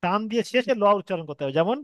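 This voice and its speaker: A man with a Bengali accent runs an online Quran reading lesson, patiently breaking down Arabic letter reading step by step and lengthening sounds to illustrate. His high-pitched, expressive voice comes rapid-fire with a fairly bright tone, captured in a dry recording.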